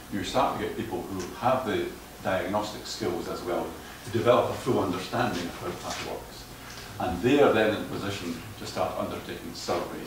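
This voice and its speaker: A man lectures in a very low voice, picked up from far off in a reverberant hall. He hesitates and repeats words as he explains his points. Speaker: lecturer on footpath management. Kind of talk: lecture with audience questions. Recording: echoey hall, distant mic, noise.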